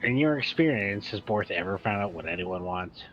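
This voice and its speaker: A man's voice: lowish voice, lively intonation, moderate pace, highs cut off, loud music behind the voice. A man running a tabletop game as game master, narrating combat casually over an online voice call and swearing freely. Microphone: online voice call mic.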